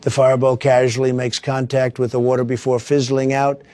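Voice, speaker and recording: A man narrating as dungeon master in a tabletop game, with steady, even delivery. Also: medium pitch, fairly quick, dry recording.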